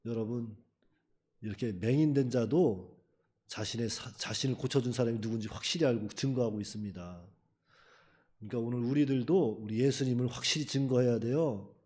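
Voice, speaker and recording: Pastor guy giving a sermon in church, folksy and joking, mid pitch, soft dark voice. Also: brisk. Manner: conversational preaching with acted quotes and chuckles.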